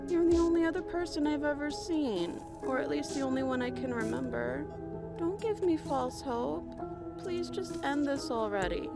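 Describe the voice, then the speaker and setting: An actress playing a guarded captive princess in a dark basement in a dramatic video game, moving between curt challenge and earnest pleading. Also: female voice, sits high, moderate pace, gravelly. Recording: loud music underneath. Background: game music.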